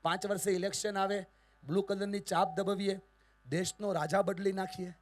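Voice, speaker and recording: Animated Gujarati man leading a crowd. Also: high voice, normal speed. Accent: Gujarati, Surat. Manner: theatrical, call-and-response with the audience, big swings in loudness. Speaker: motivational speaker. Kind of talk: motivational speech to a family gathering. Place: large hall with a live audience.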